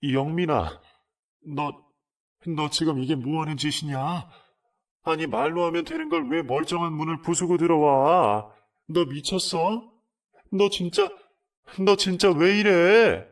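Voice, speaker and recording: Male reader plays an emotional older mother, pitched high, voice set back from the mic. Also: very animated, moderate pace, gravelly, distant mic. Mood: alarmed. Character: older mother, newly remarried woman, pleading.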